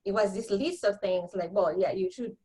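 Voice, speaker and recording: A Honduran woman with a Honduran Spanish accent, appearing as a guest counselor, tells her story in a lively conversational interview. Her husky voice sits at medium pitch and moves at a normal speed, and she laughs often and repeats words when she gets worked up.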